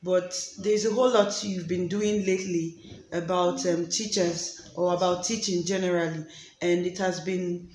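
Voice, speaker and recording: A woman's voice: fairly low pitch, steady tone, normal speed, a little mellow. A woman hosting her own channel, talking casually with many fillers and restarts. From Nigeria. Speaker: vlogger and host. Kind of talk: casual chat. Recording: echoey room with faint noise.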